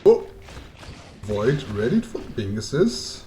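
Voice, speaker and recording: A man with a German accent commentating a live strategy game as caster, chatty and joking, lifting into excitement on the action. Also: lowish voice, slow pace, echoey room, slight background noise. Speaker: esports caster.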